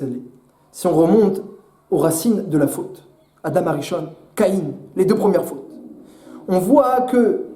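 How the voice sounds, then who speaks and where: High-voiced rabbi man, mellow and roomy. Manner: rhetorical questions, animated retelling of midrash. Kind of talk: Torah sermon in French with Hebrew terms.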